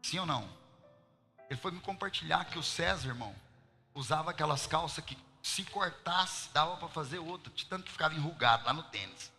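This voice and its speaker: Bright-voiced Mineiro preacher in a church. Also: male voice, on the high side, fairly quick, big-room sound, soft background music. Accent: Mineiro (Minas Gerais) Portuguese. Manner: lively storyteller, asks the congregation questions. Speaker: apostle preaching to his congregation. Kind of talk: sermon told as a personal story.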